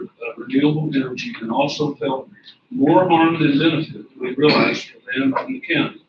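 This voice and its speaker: Man, public commenter. Soft-spoken, formal letter reading; slightly high voice, far from the mic in a roomy space. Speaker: public commenter at county court. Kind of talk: reading a prepared letter aloud. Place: county commissioners courtroom. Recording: echoey, distant, dull and noisy.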